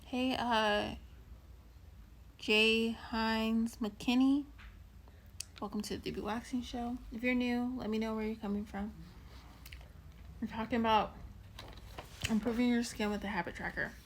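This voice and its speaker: A young woman, a waxing specialist, hosts a casual livestream where she explains a skincare tracker and greets viewers by name, chewing candy as she goes. Her talk rambles loosely and is full of ums and likes. Her voice is a little high with fairly even intonation, a little slow with long pauses, and there's slight background noise.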